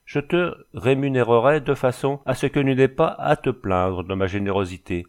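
A tall, cold bandit chief with a Flemish accent, voiced by a male reader. His speech is smooth and sing-song, lifted in pitch and almost feminine in its softness. He commands rather than asks. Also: moderate pace, lightly acted. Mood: coolly threatening.

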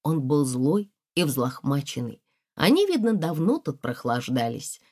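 A woman's voice: low-pitched, sing-song, measured pace, darkish tone, husky. A woman reading a novel aloud as a narrator, telling the story expressively. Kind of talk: audiobook reading.

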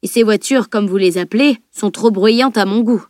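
A woman reading the voice of a grown knight who grumbles slowly about the city, in an audiobook. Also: mid-range voice, darkish tone, dry recording, clean studio sound, lightly acted. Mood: grumbling.

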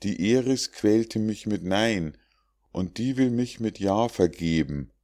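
A grumpy, hot-tempered smith god, played by a man reading an audiobook of verse fables, bursting out in exasperated exclamations in a voice pitched well above the reader's own low, slow tone. He sounds fed up and loud. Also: animated.

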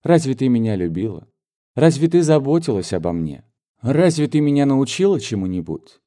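A man raises his voice well above its natural range to portray a spirited young woman from a classic novel, earnest and reproachful. Her speech is heated and pleading, with pitch climbing and swinging widely, sing-song and mellow at normal speed, lightly acted.

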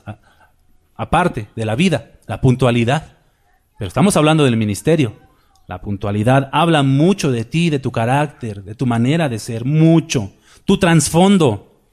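A man's voice: mid-range voice, darkish tone. A man preaching a Sunday sermon, with emphatic repetition and rhetorical questions. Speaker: pastor. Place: church.

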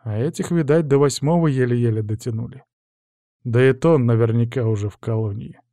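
Male audiobook narrator, steady wry storytelling, dark tone, dry sound. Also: mid-range voice, brisk, no echo.

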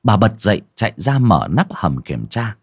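Male horror narrator, husky and dry-sounding, wide expressive pitch. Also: moderate pace, no room sound. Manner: dramatic, suspenseful storytelling. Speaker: audiobook narrator.

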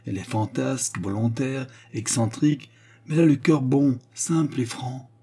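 A man's voice: medium pitch, normal speed, mellow, husky, voice pushed up. A man voicing a polite but stubborn young man defending himself. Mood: earnest.

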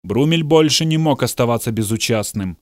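A man's voice: medium pitch, animated, normal speed, no room sound, studio quality. Man narrating a dramatic audiobook. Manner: dramatic, voices the characters' shouts.

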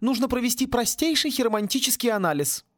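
A man's voice: very high-pitched, animated, quick pace, a bit bright, pitched above the performer's own voice. A man reading an audiobook and voicing a haughty, grumbling woman who teaches palm-reading.

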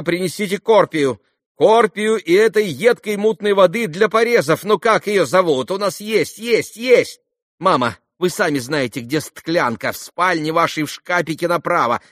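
A man voicing an excitable, imperious teenage girl in an audiobook, in shrill, commanding outbursts. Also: unhurried, few pauses, no echo, clean studio sound. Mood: frantic commanding. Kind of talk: audiobook character reading.

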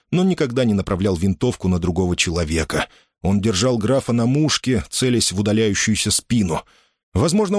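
Male narrator, low voice, lively intonation, dramatic audiobook reading, dry close sound. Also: dry recording.

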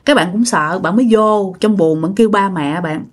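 A woman's voice: mid-range voice, brisk. Southern Vietnamese woman, conversational ghost-story teller, talks straight to her listeners. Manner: chatty, with filler phrases and asides to listeners.

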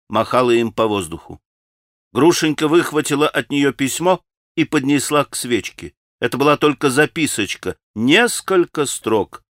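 A man narrating a classic novel as an audiobook, in a measured, expressive way. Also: medium pitch, dry recording, clean studio sound.

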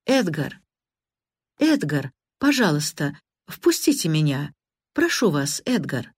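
A gentle, firm older lady with a soft, reassuring manner, as a woman reads her in a storybook. Her voice sits low and the sound is close and dry. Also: very animated, slow, slightly rough, dry recording, full character voice. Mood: soothing.

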